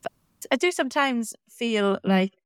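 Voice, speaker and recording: A woman's voice: a little high, expressive, measured pace, smooth, dry recording, clean studio sound. A woman from the South Wales Valleys with a Welsh Valleys accent, chatting casually and informally as a podcast co-host in a down-to-earth way. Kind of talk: casual chat.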